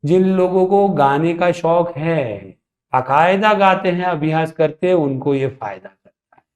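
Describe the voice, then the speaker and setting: A man teaching a yoga lesson in a calm, deliberate way. He speaks very slowly, in a slightly high voice. The sound is roomy and echoey. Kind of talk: slow spoken yoga lesson.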